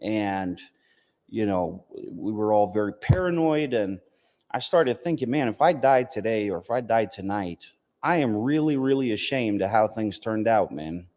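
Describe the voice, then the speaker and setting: An American Islamic teacher from a Southern West Virginia family, partly raised in Palestine, gives an informal religious talk in a reverberant hall. His voice is fairly low, expressive and darkish, at a moderate pace. He speaks conversationally, often checking in with listeners through "you know" and "right?"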